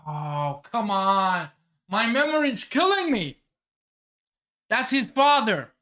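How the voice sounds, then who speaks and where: A man hosting a manga reaction, reading along excitedly and thinking aloud with frequent exclamations and restarts. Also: high voice, slow.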